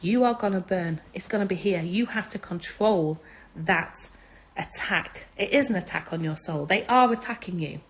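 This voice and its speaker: A woman's voice: on the low side, moderate pace, low-quality recording. Urgent, insistent woman. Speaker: social media speaker. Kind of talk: impassioned advice monologue.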